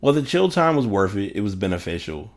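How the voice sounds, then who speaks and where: A man with a fairly low voice hosts a solo podcast into a desktop microphone. He talks casually and loosely, doubling back and correcting himself as he goes. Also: big pitch swings, brisk. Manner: conversational, rambling with restarts and self-corrections. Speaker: podcast host. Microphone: desktop USB microphone.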